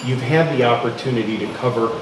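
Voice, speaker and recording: A man's voice: mid-range voice, fast talker, slight background noise. A man hosting an interview, prompting his guest with conversational questions. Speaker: interviewer, host. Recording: distant mic in echoey room.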